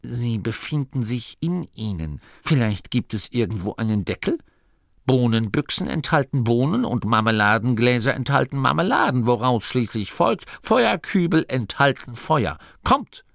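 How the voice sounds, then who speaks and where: A haughty little nome who intones advertising slogans as if they were scripture, as a male narrator puts him on. His pitch swoops around a lot as he speaks. It is read dry and close. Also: big pitch swings, gravelly, no room sound. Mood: excited. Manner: lofty, slow, declaiming like an advert. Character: pompous small male nome reciting shop signs.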